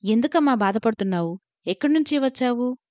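A motherly priest's wife who soothes and comforts with affection, as a woman reads her in a story. The voice is fairly high, close and dry. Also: expressive, a little fast, a little mellow, no echo, lightly acted. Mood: soothing. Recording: slightly dull, lo-fi recording.

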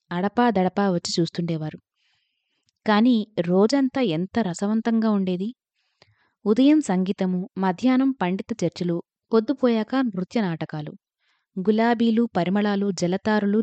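A woman narrating a literary story in a measured, reflective reading. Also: medium pitch, dark tone, dry recording. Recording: dull lo-fi, dry recording.

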